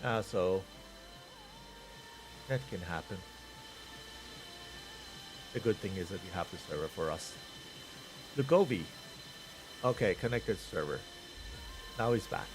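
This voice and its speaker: Slow-talking man commentating. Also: deep voice, expressive, over music. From Iran. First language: Persian. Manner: unhurried, thinking aloud between phrases. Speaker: stream commentator. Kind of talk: live flight-sim tournament commentary.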